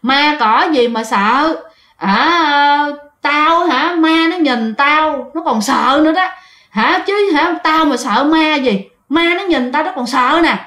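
A woman voicing a drunk, boastful middle-aged village man who talks slowly and loudly in a storytelling reading. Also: high voice, animated, exaggerated voice. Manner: slow, loud, slurred bragging. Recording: roomy echo.

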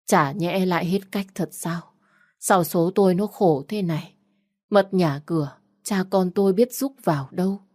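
A woman voicing a poor older village man who shouts curses at a neighbor, then wails and pleads in despair. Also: fairly low pitch, moderate pace, dry recording, clean studio sound, close to an everyday voice.

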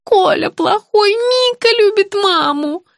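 A woman reading an audiobook, voicing a frail, confused old woman who speaks slowly and pleads, often breaking into anguished cries. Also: extremely high pitch, animated, gravelly, no room sound, clean studio sound, pitched above the performer's own voice, full character voice. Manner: slow, pleading, rising to wailing cries.

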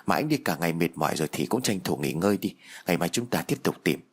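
A man voicing a timid younger brother who speaks hesitantly to calm his family. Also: low-pitched, fast talker, breathy edge, voice pushed down, full character voice. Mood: placating. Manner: hesitant, placating. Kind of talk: audiobook character voice.

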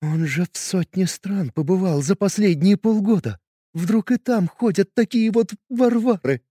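Man doing a hushed, catty young woman. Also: high-pitched, expressive, unhurried, dry recording, clean studio sound, pitched above the performer's own voice. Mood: anxious.

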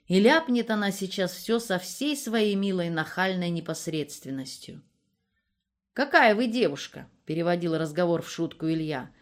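A woman narrating a novel as an audiobook, with expressive storytelling. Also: on the low side, moderate pace, hardly any pauses. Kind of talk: audiobook reading.

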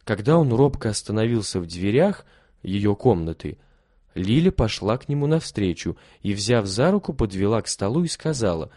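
A man reading a children's story aloud as the narrator, steady and expressive. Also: on the low side, moderate pace, no room sound, clean studio sound.

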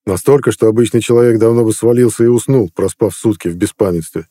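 A man narrating an audiobook in a steady, even storytelling manner on a close studio mic. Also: lowish voice, quick pace, dry recording.

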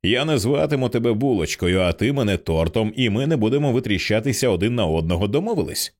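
A man's voice: fairly low pitch, animated, quick pace, a little mellow. A man reading the lines of an easygoing young man in an audiobook, wry and casual.

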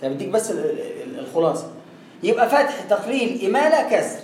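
A man's voice: high-pitched, big pitch swings, fast, darkish tone. Egyptian guy explaining tajweed, asks then answers himself, echoey room, bit of background hiss. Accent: Egyptian Arabic. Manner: patient, asks himself questions and answers, drawls out sounds to demonstrate. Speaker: Quran recitation teacher. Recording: echoey room, distant mic, faint noise.

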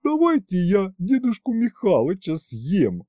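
A man's voice: sits high, wildly swooping pitch, a little slow, dark tone, dry recording, voice pushed up, full character voice. A man voicing a hungry, mischievous young female dragon who talks eagerly.

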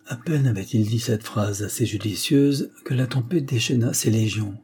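Husky man reading a classic novel. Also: medium pitch, a little mellow. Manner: measured, dramatic. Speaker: narrator. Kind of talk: audiobook reading of classic fiction.

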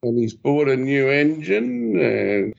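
A man's voice: mid-range voice, very animated, slow pace, creaky. A man calling in to a casual chat, giving plain, matter-of-fact updates. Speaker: caller. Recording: dull lo-fi call audio.

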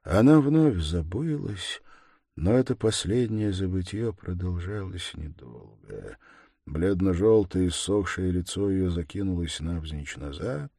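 A man reading a classic novel aloud as an audiobook, in a measured, grave manner. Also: deep voice, expressive, vocal fry, mellow, no room sound, clean studio sound. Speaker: audiobook reader. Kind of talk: dramatic audiobook narration.

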